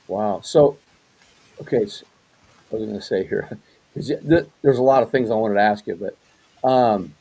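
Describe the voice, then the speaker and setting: Husky, rambling male interview host. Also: on the low side, moderate pace, pauses often, dark tone, low-quality recording. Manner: rambling, with frequent repeated words and restarts. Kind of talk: casual interview.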